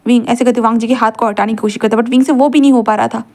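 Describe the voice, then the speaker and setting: Woman, fan fiction storyteller, casual, explanatory, fairly high voice, mellow. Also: fairly even intonation, very fast. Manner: casual, explanatory, with many fillers.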